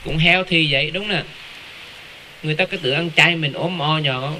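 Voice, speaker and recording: A man giving a casual Buddhist Dharma talk, animated and full of rhetorical questions. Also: fairly high pitch, moderate pace, noisy background. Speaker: Buddhist lay Dharma speaker.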